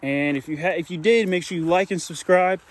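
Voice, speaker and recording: A man's voice: high voice, fairly quick. A young man, rambling casually as he walks around outdoor hunting land, often trailing off with "and everything like that". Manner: talks while walking outdoors. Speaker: hunting vlogger.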